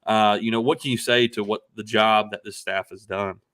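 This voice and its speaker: A man's voice: lowish voice, fairly even intonation, fairly bright tone. A man hosting a live sports show, talking casually with frequent "uh"s and restarts. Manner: halting, many fillers and restarts. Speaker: podcast host. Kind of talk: casual live-stream chat.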